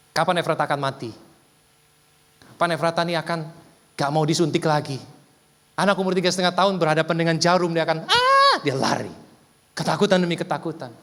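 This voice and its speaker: A man preaching a sermon, telling a heartfelt personal story to the congregation, which he keeps addressing directly, with English phrases slipped in. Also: a little high. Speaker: pastor. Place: large church hall. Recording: long hall reverb.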